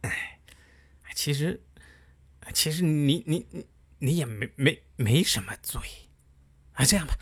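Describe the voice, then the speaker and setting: Brief: male storyteller playing a quick-tempered ancient king, blunt and stammering when caught off guard, voice swinging high and low. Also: animated, a bit bright, slightly rough, heavily acted. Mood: hesitant.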